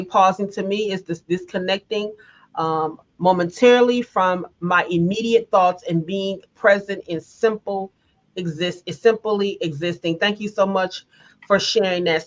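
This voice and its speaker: A woman leading a guided wellness session on a live stream, encouraging viewers and reading their comments aloud. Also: fairly low pitch. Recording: dull lo-fi stream audio.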